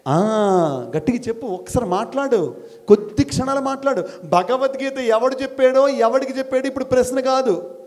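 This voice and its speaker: A man's voice: very high-pitched, moderate pace. A middle-aged man, a school principal, gives a motivational talk to college students, firing questions at them and repeating phrases in rhetorical chains. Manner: fires questions at the audience and urges them to answer louder. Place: college hall before students.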